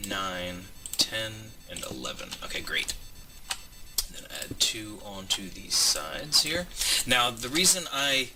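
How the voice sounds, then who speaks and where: A man's voice: lowish voice, far from the mic. A man in his twenties hosting a Let's Play, rambling through a joke and stopping mid-sentence to count aloud. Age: 20s. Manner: rambling, self-interrupting, stops to count aloud. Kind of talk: gameplay commentary. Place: home room with squeaky chair.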